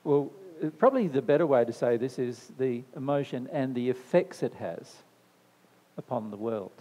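A man's voice: mid-range voice, expressive, moderate pace, mellow. A man giving a spiritual talk to a live audience, answering their questions in a conversational way, often checking in with "right?" and repeating phrases for emphasis. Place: discussion venue, indoors. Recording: long hall reverb.

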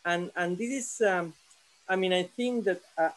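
A man in his thirties with a Catalan accent, asking a long, halting question with many restarts during an online seminar, speaking from a sofa into a laptop on a video call. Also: sits high, fairly bright tone. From Catalonia, Spain. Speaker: seminar participant, visual artist. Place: living room sofa, indoors. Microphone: laptop camera on a video call.

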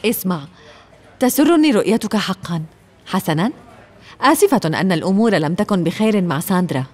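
A woman's voice: mid-range voice, lively intonation, brisk, a little mellow, lightly acted. A woman playing a kind social worker. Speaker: social worker who adopts a boy. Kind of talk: dubbed drama acting.

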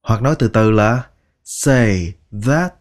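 Slow, patient Vietnamese male teacher. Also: lowish voice, animated. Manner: slow, patient, repeats words one by one. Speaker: English teacher. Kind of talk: language lesson narration.

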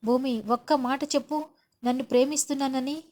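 A woman voicing a lovestruck young man who pleads and declares his love loudly. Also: high-pitched, fairly even intonation, moderate pace, lightly acted. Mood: pleading.

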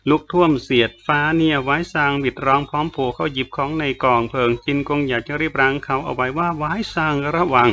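A man reading a novel aloud in steady scripted narration. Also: medium pitch, fast, few pauses, lo-fi sound. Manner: steady storytelling. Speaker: audiobook narrator.

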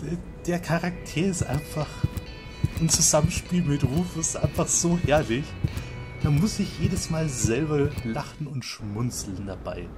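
A man's voice: on the high side, unhurried. A man giving casual, chatty commentary on a video game, laughing along. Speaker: let's play host. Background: game music.

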